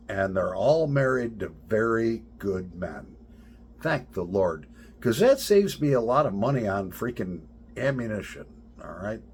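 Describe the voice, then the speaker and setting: A man's voice: on the low side, a little hiss or hum. A middle-aged man casually telling a funny story, folksy and profane, with laughter breaking in. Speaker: vlogger.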